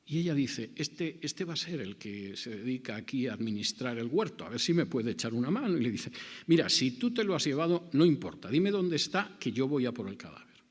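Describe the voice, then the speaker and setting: A man's voice: mid-range voice, big pitch swings, fairly quick, breathy edge. A man preaching an expository sermon. He is dramatic and rhetorical and acts out the scripture dialogue. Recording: reverberant hall.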